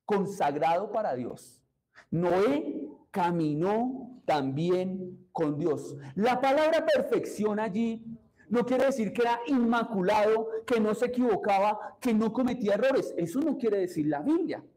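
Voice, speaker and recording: A man's voice: high-pitched, lively intonation, measured pace, dark tone, rough recording. A man, preaching a sermon as pastor and putting questions to the congregation.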